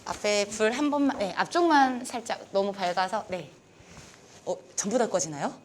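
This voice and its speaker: A woman's voice: mid-range voice, moderate pace. A woman instructor leading a training class, upbeat and encouraging as she guides the group step by step through a game. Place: lecture room with adjustable lights.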